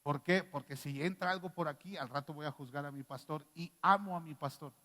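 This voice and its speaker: A man with a Mexican accent preaching a sermon as pastor, animated and firing rhetorical questions at the congregation. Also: fairly high pitch, fairly quick. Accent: Mexican Spanish. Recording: long reverb in a church hall.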